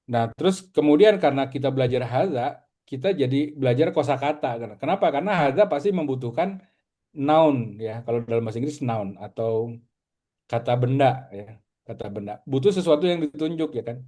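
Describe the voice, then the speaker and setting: A man from Indonesia teaching a casual Arabic lesson, patiently repeating words slowly for his students. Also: medium pitch, expressive, mellow.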